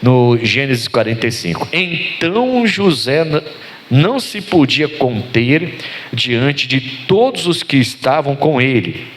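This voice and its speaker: A man, a pastor preaching a sermon in an animated way, his pitch climbing for emphasis as he asks the congregation for amens. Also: measured pace, slight background noise.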